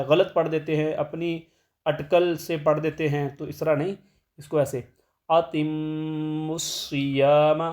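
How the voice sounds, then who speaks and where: A man teaching tajweed, explaining rules plainly and then reciting verses in a slow melodic chant. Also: a little high, a little mellow.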